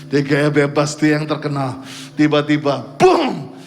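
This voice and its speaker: A middle-aged man preaching as a pastor, telling a lively story, mixing in English phrases and shouting out quoted cheers. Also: sits high, moderate pace, faint music behind. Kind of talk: sermon storytelling. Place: church service.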